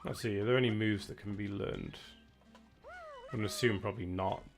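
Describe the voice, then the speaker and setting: Gravelly Welsh man streaming a game. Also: on the low side, fairly even intonation, brisk, over music. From Wales. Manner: chatty, reads out viewer chat. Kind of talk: casual gameplay commentary.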